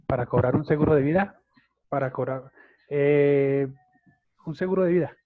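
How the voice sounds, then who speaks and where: A man's voice: on the high side, moderate pace. A man taking part in a class, giving short, hesitant answers. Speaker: class participant. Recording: tinny call line with faint hiss.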